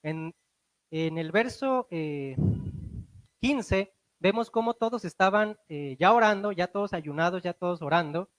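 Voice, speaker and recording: A man with a Mexican accent preaching a sermon, animated, slowing and rising for emphasis, asking the congregation rhetorical questions. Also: high-pitched, no room sound.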